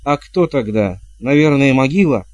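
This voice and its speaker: A man's voice: medium pitch, measured pace, a little mellow, dry recording, lightly acted. A man doing a desperate young stage actor. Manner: declaiming, theatrical.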